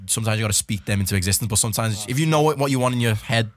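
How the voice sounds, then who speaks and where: Young Scouse R&B singer, rambly podcast guest, quick talker, lowish voice. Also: male voice, no echo. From Liverpool, England. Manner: rambling, thinks aloud with many fillers. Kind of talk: casual podcast chat.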